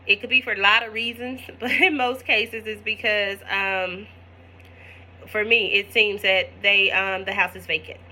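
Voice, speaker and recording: Woman chatting thru a real estate how-to, folksy asides, real bright voice. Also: medium pitch. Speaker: real estate investor teaching wholesaling. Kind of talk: casual tutorial vlog.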